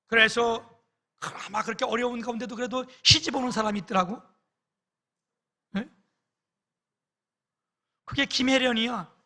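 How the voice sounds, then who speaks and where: A middle-aged man preaching a sermon with a high, very bright and ringing voice. He tells a personal story with big emotional swings and acts out the voices of the people in it. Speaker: pastor.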